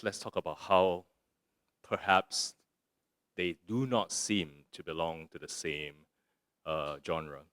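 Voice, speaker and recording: A Singaporean man with a low, slightly bright voice talks musingly and conversationally about poetry in an arts center lecture room. He includes a reading and often asks his audience a rhetorical "right?". The studio sound is clean and free of echo.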